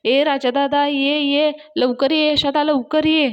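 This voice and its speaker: A woman voicing a cheeky young man who shouts to tell on others. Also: high voice, fairly quick, highs cut off, natural voice. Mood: excited.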